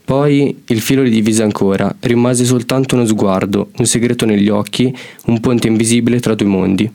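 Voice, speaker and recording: A man's voice: medium pitch, normal speed, vocal fry. Teenage boy reading a poem. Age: teens. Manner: hesitant when talking, steady when reading. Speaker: student reading his poem. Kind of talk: poetry reading.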